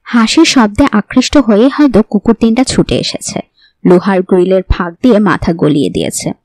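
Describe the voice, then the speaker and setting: A woman narrating a horror novel in a calm storytelling voice. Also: medium pitch, normal speed, no echo. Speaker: audiobook narrator. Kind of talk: storybook narration reading all parts.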